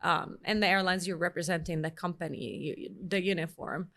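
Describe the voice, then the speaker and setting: A woman from Lebanon, a minister telling her story as a guest in a casual interview, lively and self-mocking. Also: lowish voice, fairly quick.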